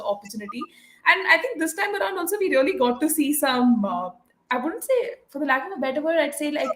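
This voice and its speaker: A young woman co-host breaks down the game in a casual, thoughtful way. Her voice sits a touch high, and she fills pauses with "uh" and "you know" as she works through her points. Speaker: cricket watchalong co-host and analyst. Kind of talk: casual cricket analysis.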